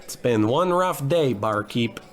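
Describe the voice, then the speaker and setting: In a comedic old-time radio noir drama, a man narrates and stars as a hapless, hard-drinking, cocky private detective full of wisecracks and melodramatic monologue. His mid-range, natural voice is expressive at a measured pace, sounding stubborn and brash.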